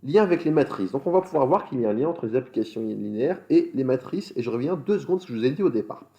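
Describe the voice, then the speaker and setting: Male math teacher, mellow tone, muffled recording, recorded lecture with fillers. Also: medium pitch, lively intonation, very fast. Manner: explanatory, with spoken fillers and self-corrections. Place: school in France.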